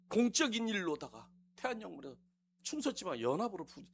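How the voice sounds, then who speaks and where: A man preaching a sermon in a church, acting out quotes with sudden shouts and teasing the congregation between quiet asides. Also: high-pitched, a little hiss or hum. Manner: animated, acts out quotes with shouts and mock dialogue. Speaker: district officer preaching a visiting sermon. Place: church sanctuary.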